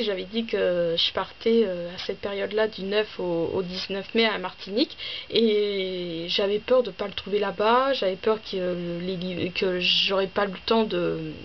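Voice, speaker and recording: A woman chats through a casual book vlog, stopping often to hesitate and restart. Her voice is at a middle pitch. The recording is a bit dull, with a faint hiss of noise underneath. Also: fairly even intonation, moderate pace. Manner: hesitant, many fillers and restarts; chatty, listing items one by one. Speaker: book vlogger.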